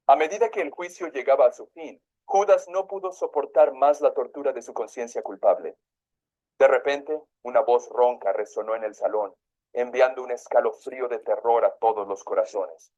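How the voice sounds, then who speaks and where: A man reading a religious passage aloud as a sermon, pausing now and then to comment in his own words. His voice is dark and mellow, and the recording sounds a little dull and lo-fi. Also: mid-range voice. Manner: reads aloud, breaks off to comment. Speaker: preacher.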